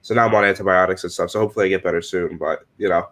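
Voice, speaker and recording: A man co-hosting a casual sports livestream, his voice stuffy and congested, talking in a relaxed way. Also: deep voice, rapid-fire. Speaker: livestream co-host.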